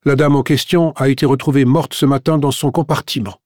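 A man's voice: mid-range voice, fairly even intonation, fairly quick, a little mellow, no echo, close to an everyday voice. A man voicing a pompous, self-important middle-aged police commissioner in an audiobook. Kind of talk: audiobook character voice. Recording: dry studio recording.

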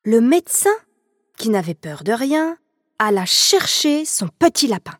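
Slow, sing-song woman reading a picture book. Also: a little high, very animated, no room sound, clean studio sound. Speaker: storyteller. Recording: storytelling over clear instrumental music.

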